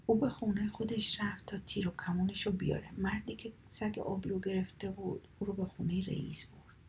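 A woman whispering a children's folk tale aloud in a soft, calm reading manner. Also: medium pitch, slight background noise. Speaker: storyteller. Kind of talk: whispered storytelling.

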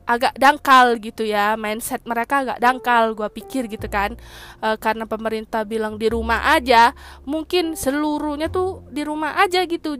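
Chatty young woman with a Jakarta accent. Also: a little high. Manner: chatty and animated, slangy, acts out exclamations. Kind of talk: casual storytelling monologue. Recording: faint music behind.

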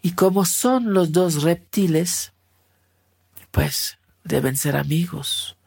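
A woman's voice: fairly low pitch, takes it slowly, vocal fry, darkish tone, slightly rough, no room sound, full character voice. Woman doing a curious, friendly giraffe. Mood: confiding. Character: curious, impressed female giraffe.

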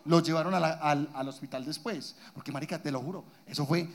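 Man, high voice, animated, profane comic storyteller, live podcast. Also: fast talker. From Colombia, Guatapé area. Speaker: podcast co-host. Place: live stage before an audience.

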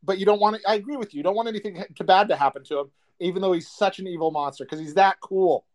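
A man co-hosts a loose live chat with an animated, enthusiastic delivery. His voice is fairly high. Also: very fast. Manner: animated and enthusiastic, thanks listeners. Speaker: podcast co-host.

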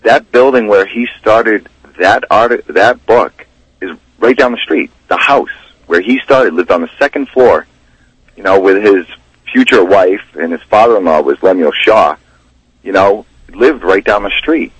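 A man's voice: fairly low pitch, measured pace, husky. A man chatting casually as a guest in a radio interview, with a folksy, rambling way of talking that circles back over phrases. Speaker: radio guest, local ghost investigator and tour guide. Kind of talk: casual radio interview chat about local history. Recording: dull, roomy, lo-fi radio line.

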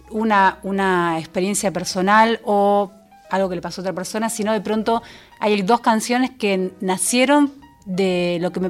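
A woman singer-songwriter with a Rioplatense Spanish accent, talking through her songs in a casual interview, thoughtful and full of small restarts. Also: medium pitch. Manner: reflective, with frequent fillers and restarts.

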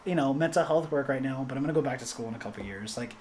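A young man chatting casually, rambling with lots of fillers and animated storytelling. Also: medium pitch, very fast, a little hiss or hum. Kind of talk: casual chat.

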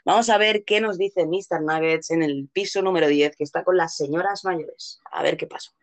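A woman's voice: on the low side, moderate pace. A woman with a Castilian Spanish accent hosting a casual live show, chatty, playful and given to exclamations. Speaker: host. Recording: dull, lo-fi audio.

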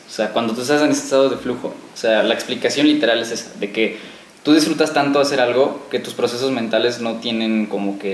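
A man, co-hosting a podcast, summing up and explaining step by step. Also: fairly low pitch. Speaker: podcast co-host. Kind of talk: casual group chat. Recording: echoey room with faint noise.

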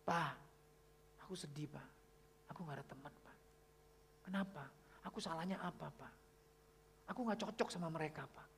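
A man with a creaky voice quoting his lonely teenage daughter in a soft, plaintive tone. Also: a little high, moderate pace, pauses often, slight background noise. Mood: sad. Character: sad lonely teenage schoolgirl.

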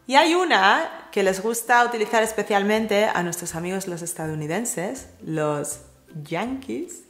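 A woman co-hosts a bilingual English lesson at a middle pitch. She talks in a chatty, playful way with teasing asides. The recording has a roomy echo. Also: expressive, normal speed, fairly bright tone, faint music behind. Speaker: co-host of English lesson channel.

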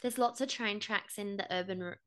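A woman co-hosting a casual podcast, chiming in with quick quips. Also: mid-range voice, a bit bright. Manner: chimes in with quick quips and laughs. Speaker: podcast co-host. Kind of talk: casual chat.

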